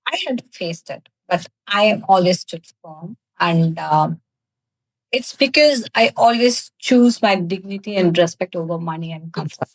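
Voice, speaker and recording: A woman's voice: fairly low pitch, expressive, measured pace, poor audio. A woman from South India, a native Tamil speaker with a thick South Indian accent, answering interview questions in an earnest, emphatic way. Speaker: interview guest, cosmetics business founder.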